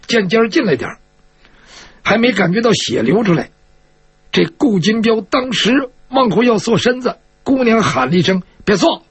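A man telling a traditional martial-arts story in a lively, colloquial storytelling manner. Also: high-pitched, slightly rough, no echo.

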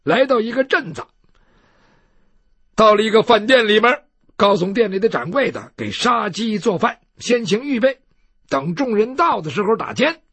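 A male storyteller tells a martial tale in a husky, high-pitched voice. His delivery is rhythmic and dramatic, and the sound is close and dry. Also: sing-song, normal speed, a bit bright, no room sound. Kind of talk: traditional storytelling.

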